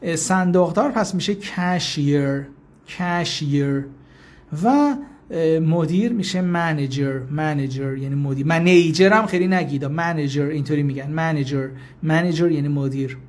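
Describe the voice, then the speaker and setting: High-voiced man teaching a live language lesson. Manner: reads out viewers' names and repeats English phrases slowly; explains patiently and informally. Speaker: English teacher.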